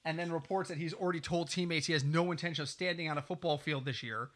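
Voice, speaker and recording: Male podcast co-host, bright and slightly high, rambling and joking in casual studio chat. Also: quick pace. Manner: chatty, joking, rambling storyteller. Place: small home studio. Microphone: desk mic, sometimes off mic.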